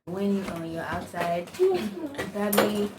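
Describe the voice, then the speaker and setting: Here a young woman with a Nigerian accent rambles through stories to her camera, slangy and saying "like" constantly in typical vlogger chat. Her medium-pitched voice is very animated, though her pace is slow. It was recorded on a far-off mic amid background noise.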